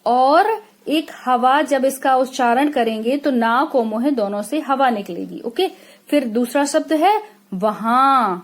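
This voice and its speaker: Slow-speaking Indian woman teacher. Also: on the high side. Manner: slow and drawn out, checking in with frequent "okay?"; stretches out sample words for children to repeat. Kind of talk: classroom lesson explanation.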